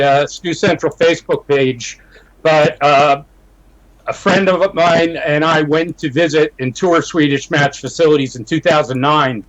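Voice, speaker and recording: A man's voice: a little high, highs cut off. A man co-hosting a casual online panel, explaining at length with a few restarts, on a home computer mic over a video call. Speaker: podcast co-host.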